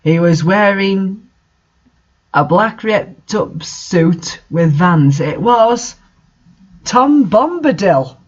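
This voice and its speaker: This man's high-pitched voice is expressive, and he draws out his words as he reads a story aloud, with the highs cut off from the audio. As host of a bad fanfiction reading series, he reads it for comedy, adds his own commentary, and dissolves into laughter along the way.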